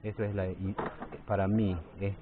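A man in his forties with a low voice speaks haltingly outdoors, repeating words and pressing his points with force. A phone held close to his face picks him up. The sound is thin and tinny, like a phone line. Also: little pitch movement, background noise. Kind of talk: outdoor field interview. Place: outdoors by a forest clearing. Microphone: phone held near the face.

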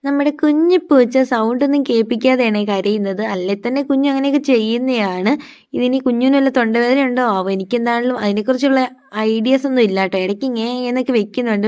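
A woman talking quickly in a casual vlog about her pet cat at home. Her voice sits a little high, and her chatty, tender manner carries through her narration. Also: clean tone, muffled recording. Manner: chatty, tender, ends sentences with "ട്ടോ". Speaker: cat vlogger.

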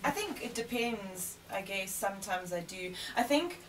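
A woman's voice: medium pitch, animated, normal speed. A woman chatting casually in a group, talkative and laughing. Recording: distant mic with clear noise.

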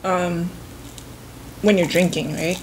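A woman's voice: fairly low pitch, steady tone, slow pace, a little hiss or hum, rough recording. Easygoing woman in a casual meal chat. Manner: easygoing, asks short follow-up questions.

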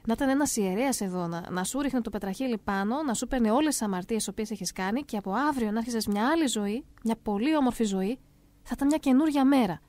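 A middle-aged woman calmly and earnestly telling a first-person story aloud. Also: fairly high pitch. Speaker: narrator of a personal testimony.

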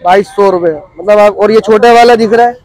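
Strolling through a crowded open-air market, this thirty-something male vlogger keeps things casual, asking prices, echoing them aloud and talking to his audience. He speaks fairly quickly in a high-pitched, slightly mellow voice, captured on a low-quality recording.

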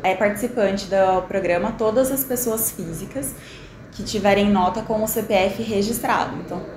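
A woman's voice: medium pitch, normal speed, a little mellow, a little hiss or hum. Woman explaining a program, roomy sound. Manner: clear and explanatory. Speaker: municipal tax official. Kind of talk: interview explanation.

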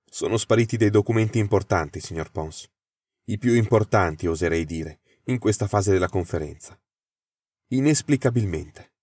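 A flustered young government official, voiced by a man, worried and earnest as he lays out his trouble. The voice sits low, and the recording is dry with no room echo. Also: moderate pace, darkish tone, close to an everyday voice. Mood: anxious.

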